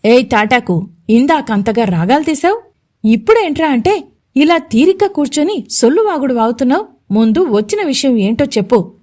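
A woman voicing a domineering, jealous male landlord who threatens his servant, slow and emphatic. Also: high-pitched, lively intonation, darkish tone. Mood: threatening.

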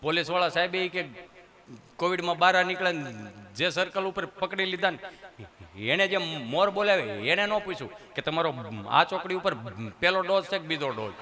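A man's voice: high-pitched, normal speed. A middle-aged man telling a comic story on stage, acting out the people in it and laughing along as he goes. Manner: animated, acts out characters and laughs along. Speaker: stand-up comedian. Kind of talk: Gujarati folk comedy storytelling.

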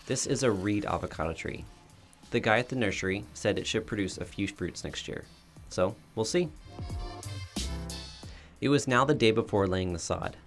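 A creaky male voice on the low side delivers a matter-of-fact voice-over of his own backyard renovation. The DIY renovation vlogger didn't record it in the yard pictured. Soft music plays in the background.

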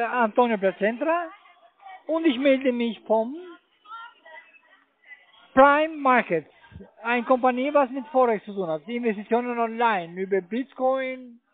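This very high-pitched man sells investments by phone, fumbling his way through the call with a foreign accent. The language isn't his native one, nor is German his mother tongue, and the audio comes through a narrow, tinny line.

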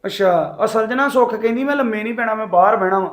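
A man's voice: high-pitched, quick pace, lightly acted. An actor playing an evasive young son giving brief answers to his mother. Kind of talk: family drama acting.

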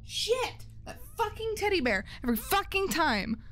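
Woman streaming a horror game, super high bright voice, cusses and yelps a lot. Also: big pitch swings, unhurried, slight background noise. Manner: swears a lot, yelps and shrieks at scares. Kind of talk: live horror game reaction.

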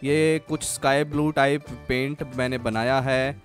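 A man's voice: mid-range voice, fairly even intonation, a little slow, faint music behind. A man giving casual, chatty commentary over his farming game, constantly addressing his viewers as friends. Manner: chatty, keeps calling viewers "guys" and "bhai". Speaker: gaming channel host.

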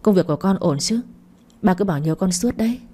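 A doting middle-aged mother who chats, fusses and teases her daughter on a phone call, read by a woman narrator. Her voice is low and warm. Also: animated, a little fast, breathy edge. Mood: teasing. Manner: chatty, fussing, gently teasing.

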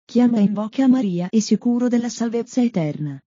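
A woman catechist giving a measured, devout catechesis reading, on a dull, dry, lo-fi recording. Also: fairly high pitch, expressive, mellow, husky, no room sound.

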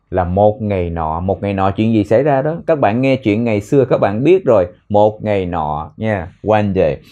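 A man with a Vietnamese accent teaching an English lesson, repeating words slowly to drill pronunciation. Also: on the low side, dark tone, muffled recording. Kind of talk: language lesson explaining phrases.

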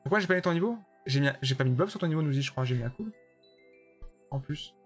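A man's voice: on the high side, lively intonation, fast talker, husky, faint music behind. A man live-streaming a game, chatting casually with his viewers and judging their levels bluntly. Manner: chatty, judges viewer levels bluntly, answers chat by name. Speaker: streamer playing a level-making platform game.

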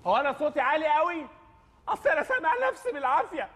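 A man's voice: extremely high pitch, sing-song, racing, fairly bright tone, in a large hall, heavily acted. An actor playing a panicky, deafened young male robber with an Egyptian accent, talking in a frantic, complaining way near tears. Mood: panicked. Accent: Egyptian Arabic.

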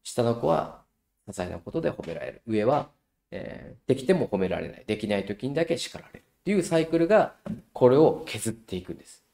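Fast, animated male lecturer with gravelly edge. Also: mid-range voice. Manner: animated storyteller who acts out children's voices. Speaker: parenting lecturer. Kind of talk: lively lecture with anecdotes.

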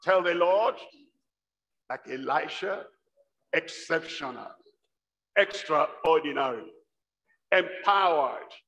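An older man preaching a sermon to a large congregation, with a rhythmic, repetitive style that builds to shouts. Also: a little high, expressive, slow pace, pauses often. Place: large church hall with congregation. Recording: dull livestream sound in a reverberant hall.

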